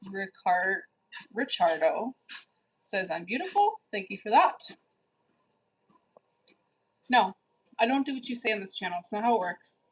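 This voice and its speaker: A livestream host in her forties takes a sing-song, unhurried approach, pausing often as she reads viewers' messages. She teases, bosses people around and scolds rude commenters in a mid-range voice with a breathy edge, captured on a rough recording.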